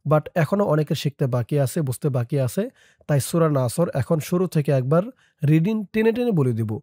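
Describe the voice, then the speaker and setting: A man teaching Quran reading, spelling each word out letter by letter and then reciting it in a slow, drawn-out melodic chant. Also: fairly high pitch, animated, warm tone, no echo, studio quality. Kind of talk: spelling out and slowly reciting a short surah.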